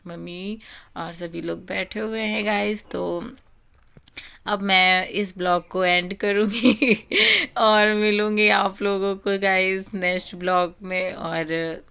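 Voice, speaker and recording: A woman's voice: mid-range voice, fairly even intonation, slow, vocal fry, pushed and bright, clear, resonant tone. A young woman from India with an Uttar Pradesh Hindi accent, narrating her home vlog in a chatty way, laughing often and calling her viewers guys. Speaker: vlogger. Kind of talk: casual vlog voice-over.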